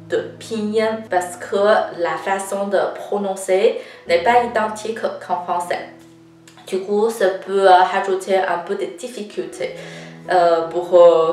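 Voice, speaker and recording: A Chinese woman with a Chinese accent giving a patient language lesson, often pausing on "euh" as she explains. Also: fairly low pitch, a little mellow. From China. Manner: frequent hesitations with "euh", deliberate and patient. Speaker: Chinese teacher. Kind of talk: slow, careful language lesson. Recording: roomy, slightly distant mic with faint guitar music.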